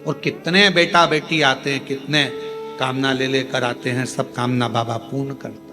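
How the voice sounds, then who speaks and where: An Indian man preaching a live devotional sermon, swinging between low murmurs and soaring high calls, with rhythmic chant-like repetition. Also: steady tone, normal speed, music in the background. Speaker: kathavachak preacher. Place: large outdoor religious gathering.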